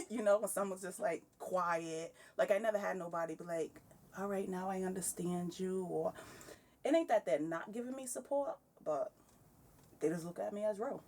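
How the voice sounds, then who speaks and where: A woman's voice: medium pitch, animated, moderate pace, darkish tone, recorded from a distance, a little hiss or hum. A woman in her thirties talking candidly and with energy in a casual podcast conversation, often breaking into laughter. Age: 30s. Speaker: podcast guest.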